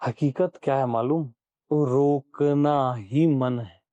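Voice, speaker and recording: A man's voice: medium pitch, fairly even intonation, takes it slowly, warm tone, dry recording, lo-fi sound. A man giving a satsang discourse as a spiritual teacher. He questions his listeners, repeats key phrases, and urges them on.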